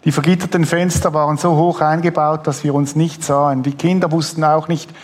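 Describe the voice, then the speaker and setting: A man's voice: a little high, level tone, brisk, darkish tone. Male host, reading aloud attentively. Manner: attentive, frequent murmured agreement. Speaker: host, interviewer. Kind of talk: interview with a read book passage.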